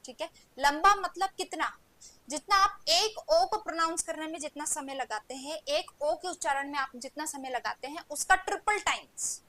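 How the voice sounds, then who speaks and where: A woman's voice: high voice, normal speed, pushed and bright, poor audio. A young woman teaching an online Hindi grammar class, asking her students questions and answering them herself, with frequent "okay"s. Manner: asks rhetorical questions and answers them, repeating "ठीक है" often. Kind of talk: online coaching class lecture.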